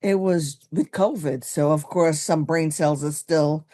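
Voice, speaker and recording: A woman in her sixties, originally from Barbados, telling stories as a guest in a podcast interview, chatty and animated, with fillers and laughs. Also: deep voice, a little slow. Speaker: guest, makeup artist.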